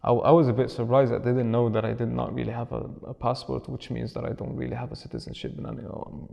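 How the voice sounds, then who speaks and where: A man's voice: medium pitch, fast talker, gravelly, dark tone. A man in his early twenties, raised in Syria, speaking thoughtfully in an interview and searching for his words. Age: early 20s. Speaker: student interviewee. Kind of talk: reflective documentary interview. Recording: reverberant space with faint music.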